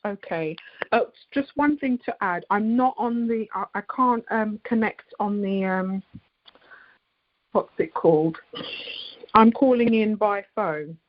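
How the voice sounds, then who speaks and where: A woman calling in by phone on a weak, crackly line that fades in and out, asking halting questions. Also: mid-range voice. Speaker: caller. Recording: muffled phone-line sound.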